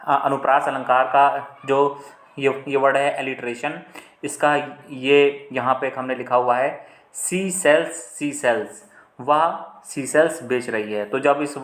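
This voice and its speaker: A man's voice: medium pitch, fairly bright tone. A man teaches exam vocabulary, explaining step by step and repeating terms, with frequent fillers and restarts. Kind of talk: Hindi lesson explaining English vocabulary questions. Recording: roomy echo.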